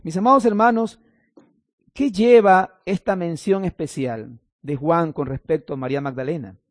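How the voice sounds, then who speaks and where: A man preaches in a fairly high voice, recorded dry and close. He reads scripture passages and then explains them to his congregation. Now and then he drops in playful asides. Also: moderate pace, dry recording. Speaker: pastor. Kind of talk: sermon.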